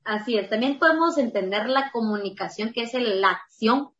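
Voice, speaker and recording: A woman explains ideas in a patient, easygoing way, with a fairly high voice. The audio is dull and lo-fi, and it sounds roomy. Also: moderate pace, a bit bright. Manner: explanatory, laughs easily. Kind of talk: casual explanatory talk.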